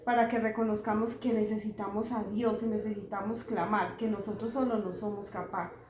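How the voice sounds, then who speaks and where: A woman explaining scripture in an earnest, preachy manner, slowing down to stress key points. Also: mid-range voice, flat delivery, darkish tone, echoey room. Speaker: bible study participant.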